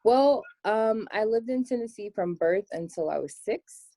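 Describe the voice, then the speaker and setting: A young American woman answering interview questions in a relaxed chat, with plenty of "um" and "like". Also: medium pitch, measured pace, no room sound. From United States. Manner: chatty, many "um" and "like" fillers. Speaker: interview guest. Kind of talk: casual interview.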